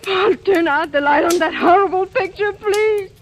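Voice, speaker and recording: An actress with an extremely high-pitched voice, speaking at normal speed, plays a guilt-ridden, tragic female assassin in a 1940s radio suspense drama. Her melodramatic delivery sounds anguished and pleading, on a noisy old radio recording.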